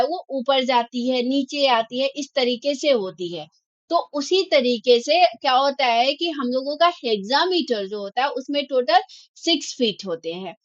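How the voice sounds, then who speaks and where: A woman's voice: on the high side, no echo, muffled recording. A woman teacher giving an exam-prep lecture, explaining step by step and mixing English terms into Hindi.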